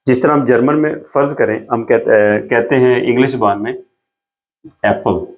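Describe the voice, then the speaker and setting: Speaking in a mid-range voice, a man writes as he teaches beginners a language. He goes step by step with patience and says each sound slowly more than once.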